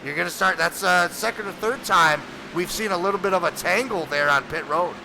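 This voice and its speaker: A man doing sim racing play-by-play as race commentator, energetic and chatty, with a voice that cracks now and then. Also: high voice, brisk, creaky, noisy background.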